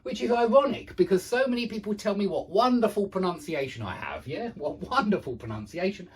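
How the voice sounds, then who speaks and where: Speaking a little fast in a medium-pitched voice with lively intonation, an English pronunciation teacher demonstrates sounds in a lesson. They carefully enunciate repeated examples, candid and self-deprecating about what they struggle with.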